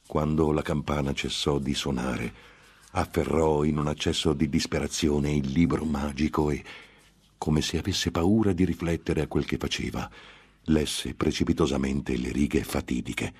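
Deep, husky male storyteller. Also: fairly even intonation, normal speed, darkish tone. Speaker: narrator. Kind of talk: dramatic audiobook reading.

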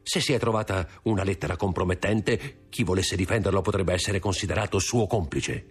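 A man's voice: deep voice, brisk, breathy edge, faint music behind, voice pushed up. A man voicing a scheming, envious male ship's clerk in a raised voice, as in an audiobook. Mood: urgent. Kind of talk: audiobook character voice.

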